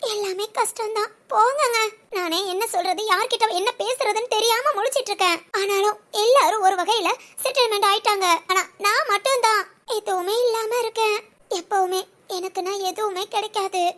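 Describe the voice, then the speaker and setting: A woman's voice: expressive, fairly quick, a bit bright. A woman voicing a young wife in a family audio drama, lamenting and self-pitying in a girlish voice. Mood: gloomy. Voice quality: very high, girlish voice.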